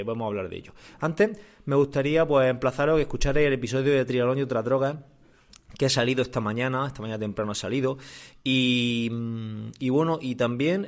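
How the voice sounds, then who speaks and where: A man speaking casually as a podcast host and coach, explaining things and often rephrasing as he goes. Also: medium pitch. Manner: conversational, often repeats and rephrases. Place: room indoors. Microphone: condenser microphone.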